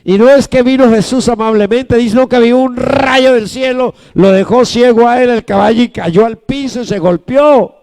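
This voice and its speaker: A man's voice: extremely high pitch, moderate pace, creaky, hardly any pauses, a little mellow. A man preaching a sermon as pastor, emphatic and calling on the congregation to answer back. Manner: emphatic, calls the congregation to respond.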